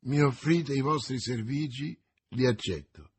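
A man reading aloud, voicing a calm foreign nobleman who speaks with cool authority. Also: medium pitch, measured pace, slightly rough, no room sound. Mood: commanding.

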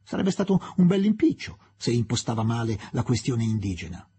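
A man narrating a literary novel as an audiobook, reading in a measured, expressive way. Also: medium pitch, slightly rough.

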